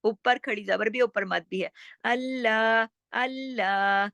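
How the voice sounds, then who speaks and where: A woman's voice: medium pitch, vocal fry, a bit bright, no room sound. Woman teaching recitation, dry close voice. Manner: explains slowly, then chants words drawn out. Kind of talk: step-by-step recitation lesson.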